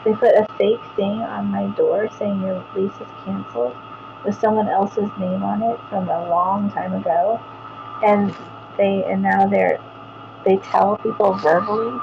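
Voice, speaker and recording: A woman's voice: medium pitch, creaky, highs cut off, noisy background. A woman, vlogging casually to viewers, rambling, repeating herself and restarting sentences.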